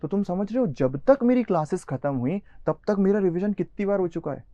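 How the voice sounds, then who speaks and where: Young indian guy teaching online, dark dry voice, bit lo-fi, chatty with students. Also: high-pitched, animated, fairly quick, no echo. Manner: chatty, addresses students directly, mixes English terms. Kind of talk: live online lecture. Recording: slightly dull, lo-fi.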